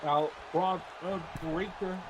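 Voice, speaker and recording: A man giving casual wrestling commentary in a halting, hesitant way, full of reactive interjections. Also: high-pitched, steady tone, crowd noise. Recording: very noisy live recording, loud ambience.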